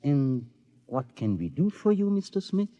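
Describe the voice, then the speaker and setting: Sly inventor-salesman, extremely sing-song pitch, mellow husky tone, formal, insinuating, old radio drama. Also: sing-song, measured pace, dull audio. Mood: discreet, coy. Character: sly, formal, discreet maker of duplicate marionettes.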